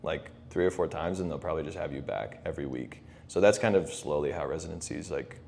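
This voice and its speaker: A man's voice: a bass voice, fast, creaky. A young man hosting a podcast, chatting casually with lots of fillers and easy laughs. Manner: relaxed, many fillers and laughs. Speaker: podcast host. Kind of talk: casual interview chat.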